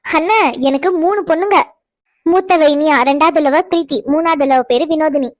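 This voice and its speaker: A woman's voice: high-pitched, normal speed, a little mellow, dry recording, lightly acted. A woman voicing a grown sister in a cartoon, who scolds and teases her brothers with affection. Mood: cheerful. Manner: scolding, teasing. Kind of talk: cartoon voice acting.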